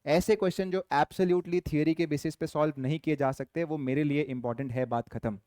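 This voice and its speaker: Slightly high, smooth and clear, the young male commerce lecturer's voice carries a warm tone and fairly level intonation. He addresses the class firmly in mixed Hindi and English, scolding them, then reads each exam question at a slow pace. The sound is close-miked and dry, free of room reverb.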